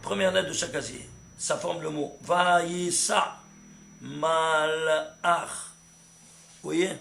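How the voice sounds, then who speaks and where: A man teaching a kabbalah class as rabbi, asking his students questions and rising to excited exclamations. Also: a little high, slow, creaky. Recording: echoey room, faint hum.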